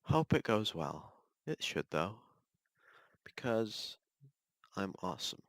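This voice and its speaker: A man's voice: on the low side, sing-song, slow pace, a bit bright, no room sound. A young man hosting a solo podcast from his bedroom, ranting in an exasperated, rambling way with many restarts. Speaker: podcast host.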